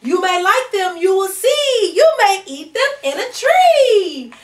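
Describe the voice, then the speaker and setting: A woman pushes her voice extremely high and heavily acts a cheerful, persistent storybook pest, speaking slowly in a sing-song, coaxing way as she keeps asking questions and pressing food on someone. The recording sounds echoey, with the microphone placed far off.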